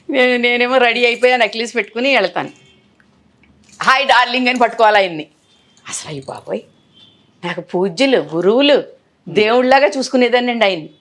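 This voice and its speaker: A woman in her sixties, an actress telling emotional stories of her film career in an interview, acting out what others said to her. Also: medium pitch. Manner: animated, acts out others' words in quotes.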